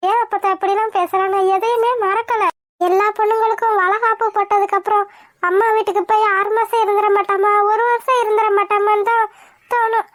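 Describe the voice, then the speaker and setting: A woman voicing a young pregnant wife in a cartoon, speaking in a gentle but firm, earnest way. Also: very high-pitched, fairly quick, no echo, studio quality. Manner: earnest, calmly insistent. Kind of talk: cartoon voice acting.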